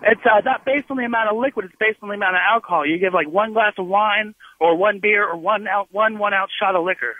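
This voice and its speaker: A man calling in to a radio show on an old flip phone, friendly and explaining in quick, hesitant bursts. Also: high-pitched, dry recording. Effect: old flip phone call. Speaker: caller. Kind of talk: casual call-in chat. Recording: tinny phone line.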